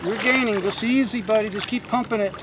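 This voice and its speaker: High-voiced man coaching from a kayak. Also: brisk, slight background noise, poor audio. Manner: calm, coaxing, repeats "buddy". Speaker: fishing guide and channel host. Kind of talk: encouraging coaching while filming. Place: open ocean on a kayak.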